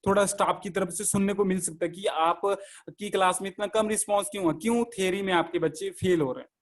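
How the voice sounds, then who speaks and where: A man's voice: sits high, steady tone, fast talker. A man teaching an online class, explaining step by step and asking and answering his own questions while mixing in English terms. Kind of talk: online lecture on classroom communication.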